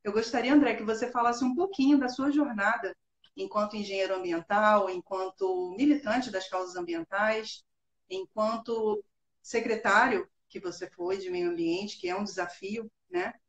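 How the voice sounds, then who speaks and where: A woman hosts an interview in a mid-pitched voice, friendly and conversational, often tagging her sentences with little questions. Her voice carries a noticeable roomy echo. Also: normal speed, muffled recording. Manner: friendly, frequent tag questions. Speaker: host. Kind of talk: interview hosting.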